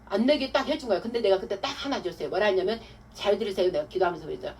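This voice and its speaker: A woman pastor giving a testimony-style sermon, telling her story with animated, acted-out quotes. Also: medium pitch, rapid-fire. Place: church hall. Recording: distant mic with faint room noise.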